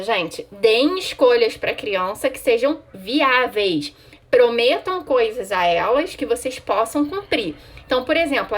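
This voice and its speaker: A woman, a child psychologist giving parents conversational advice and often checking in with "tá?". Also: sits high. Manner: conversational, frequent "tá?" check-ins; answers viewer questions directly.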